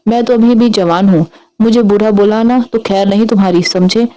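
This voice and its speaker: A woman's voice: medium pitch, steady tone, moderate pace, warm tone, close to an everyday voice, rough recording. A woman voicing a feisty, playfully scolding grandmother over sixty in a read-aloud story. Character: feisty grandmother insisting she's young.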